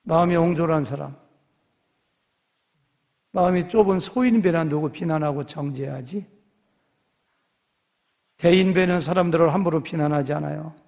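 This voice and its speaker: A man's voice: fairly high pitch, normal speed, vocal fry, long pauses, darkish tone, in a large hall. A man preaching a sermon as pastor, telling stories animatedly and acting out dialogue in different voices. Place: church sanctuary.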